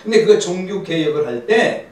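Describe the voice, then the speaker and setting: A man's voice: sits high, animated, fairly quick. A male pastor leading a Bible seminar sermon. He stresses and repeats key words and prompts the congregation to answer back. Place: church. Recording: distant echoey church recording.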